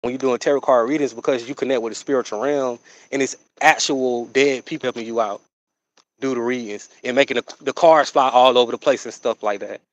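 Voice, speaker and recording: A man's voice: medium pitch, steady tone. A man talks to his livestream viewers in a loose, rambling way, piling on fillers and asides. His voice sits in a middle register. The sound is dry and close, with no room echo. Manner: rambling, drawn-out, full of fillers and "you know what I'm saying". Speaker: livestream host. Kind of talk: casual livestream chat.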